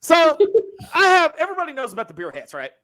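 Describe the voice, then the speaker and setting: A man hosting a casual online podcast, talking loosely and cursing freely as he steers the conversation. His voice is bright and his pitch swings widely. It sounds like an online call mic. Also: wildly swooping pitch, fast. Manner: loose, profane, runs the show. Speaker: podcast host. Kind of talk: casual chat.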